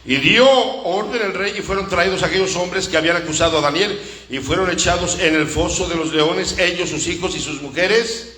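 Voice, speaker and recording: A man's voice: high-pitched, normal speed, pushed and bright, roomy sound, a little hiss or hum. A man preaching a sermon emphatically, calling out to his congregation for responses.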